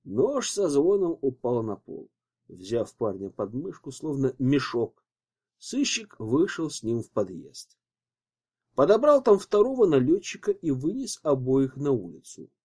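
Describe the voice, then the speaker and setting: A man narrating an audiobook in an expressive storytelling manner. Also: medium pitch, a little slow, husky.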